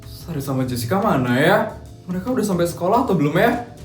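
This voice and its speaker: A woman voicing a kind, curious young schoolgirl heroine who speaks gently in a cartoon. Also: lowish voice, very animated, fast talker, echoey room, soft background music, pitched below the performer's own voice. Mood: caring. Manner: gentle, concerned, soft-spoken. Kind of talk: cartoon voice acting.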